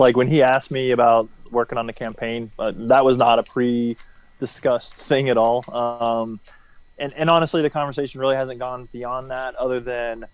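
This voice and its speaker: Informal and explanatory, a former military helicopter pilot talks as an interview guest, his medium-pitched speech full of "you know" and check-ins like "right?". The recording is dry and rough.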